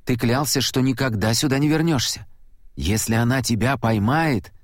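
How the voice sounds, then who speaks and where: A man reading an audiobook, voicing a tough teenage girl who speaks briskly and urgently. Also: medium pitch, no echo, studio quality, close to an everyday voice.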